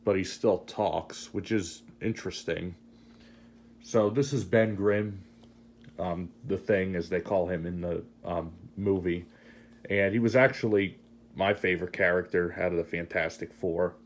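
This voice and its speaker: Deep-voiced man, casual toy review. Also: a little hiss or hum.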